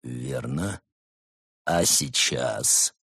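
Man doing a low, menacing stern monk. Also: drawn-out words, creaky, pushed and bright, husky, dry recording, studio quality, heavily acted. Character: stern grim male monk, quietly menacing.

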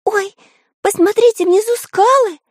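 Woman doing squeaky fussy pencil boy. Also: normal speed, no echo, studio quality. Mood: alarmed. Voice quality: very high squeaky voice. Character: boyish fussy male pencil character.

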